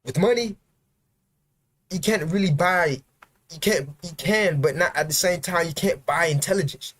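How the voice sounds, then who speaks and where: A man's voice: fairly high pitch, moderate pace, fairly bright tone. A man hosting a livestream, giving a blunt, profane motivational rant about self-investment and working for himself.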